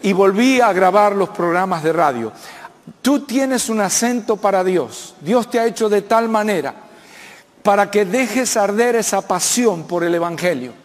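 An Argentine man in his fifties preaches to his congregation, his voice set high for a man. He keeps asking the room to answer him back, and his words ring out with the long reverb of a church hall. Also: expressive, measured pace. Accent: Argentine Spanish. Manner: preaching with call-and-response questions to the congregation. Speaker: pastor. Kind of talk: sermon.

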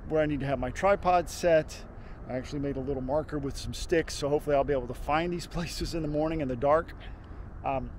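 Relaxed man vlogging on a windy hilltop. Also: on the high side. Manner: relaxed, thinking aloud with fillers and restarts. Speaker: landscape photographer. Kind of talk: casual vlog explaining camera settings. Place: windy open hilltop outdoors. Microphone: lapel mic.

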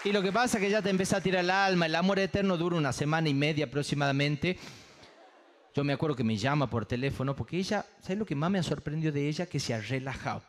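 Bawdy comic. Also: male voice, a little high, fast, a little hiss or hum. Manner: bawdy, storytelling, punchy rhythm. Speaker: stand-up comedian. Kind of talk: live stand-up comedy. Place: theater stage.

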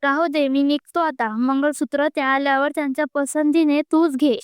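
A woman's voice: high-pitched, fairly even intonation, moderate pace, no echo, clean studio sound, natural voice. A woman voicing a punctual, irritable young man who complains curtly. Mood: irritated. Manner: curt, complaining.

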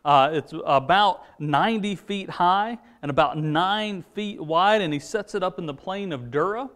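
A man's voice: high-pitched, a little slow, fairly bright tone. A man with an American accent, teaching a children's church lesson and retelling a Bible story in an easygoing, storytelling way. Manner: storytelling with paraphrased voices of characters.

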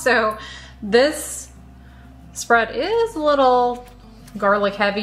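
Casual and friendly, a home cooking channel host chats her way through a recipe in a step-by-step voice-over with easygoing explanations. Her voice sits in the mid-range with a slight brightness, and the room sounds echoey.

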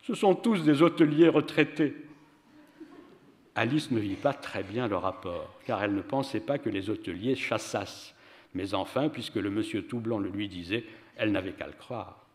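Low-voiced man reading aloud in a hall. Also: normal speed. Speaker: reader at a literary event. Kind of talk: public reading of a story. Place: venue hall for a public reading. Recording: reverberant hall.

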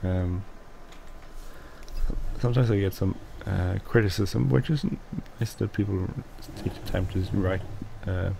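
A man whose first language is Swedish, speaking English with a Swedish accent as he hosts casual gameplay commentary, mumbling and halting with many restarts. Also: low-pitched, creaky, noisy background. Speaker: let's play host.

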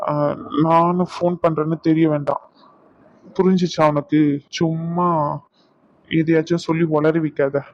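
A man voicing a young hospital worker in a cartoon; he talks in a brisk, bossy way and mixes in English words. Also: a little high, flat delivery, dull audio, a little hiss or hum, lightly acted. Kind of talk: cartoon voice acting.

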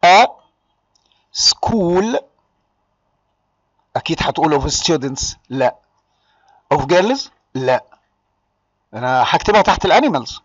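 A man with an Egyptian Arabic accent teaching an online English exam-prep lesson, lively and calling on students by name. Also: on the high side, slow, long pauses, husky, no echo, muffled recording.

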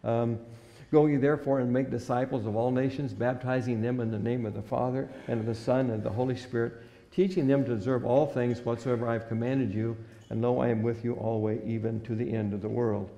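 A man's voice: mid-range voice, steady tone, fairly quick, dark tone, big-room sound. An older man preaching a sermon from a church pulpit in an earnest, old-fashioned way, reading scripture aloud. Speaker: pastor. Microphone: stand microphone at the pulpit.

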